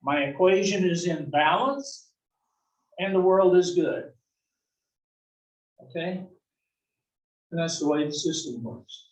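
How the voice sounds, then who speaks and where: Slow-paced and expressive, with frequent pauses and a slightly high voice, this algebra teacher from the south-central US lectures with folksy charm, corny jokes and lots of "right?" check-ins. A distant mic picks him up in an echoey classroom.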